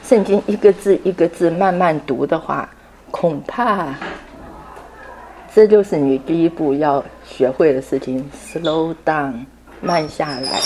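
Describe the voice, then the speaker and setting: A middle-aged woman teaching a Sunday school class in an unhurried way. She repeats her key phrases, drops in English words and ends her phrases with soft tag particles. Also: low-pitched, slight background noise.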